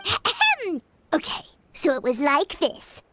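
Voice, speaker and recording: Paimon, a squeaky bubbly fairy. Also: female voice, takes it slowly, no echo, exaggerated voice. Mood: boastful. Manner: excitable, chirpy, self-congratulating. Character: tiny fairy companion, bubbly and boastful. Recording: game audio with clear music.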